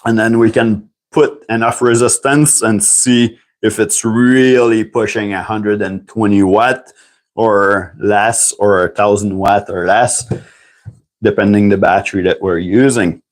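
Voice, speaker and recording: This livestream host, a man whose first language is French, talks in a fairly low, steady voice without hurrying. He answers viewers' questions in a rambling, chatty way and frequently clears his throat.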